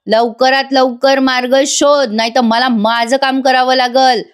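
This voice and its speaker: Woman voicing a slow, heavy-spoken menacing dad, soap-opera villain type. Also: sits high, steady tone. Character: threatening powerful middle-aged father, menacing.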